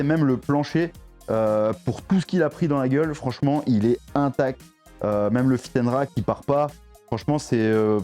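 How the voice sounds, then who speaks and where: A man's voice: medium pitch, warm tone. Chatty man touring his garage gym. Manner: chatty, many fillers and restarts. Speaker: CrossFit athlete showing his home gym. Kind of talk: casual vlog tour.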